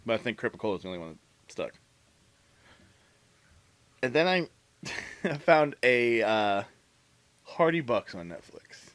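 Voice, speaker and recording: A man's voice: medium pitch, very animated, a little slow, long pauses, fairly bright tone, no echo. A man co-hosting a podcast in casual chat, swearing often and trading jokes with his friends. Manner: profane, joking banter. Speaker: podcast co-host.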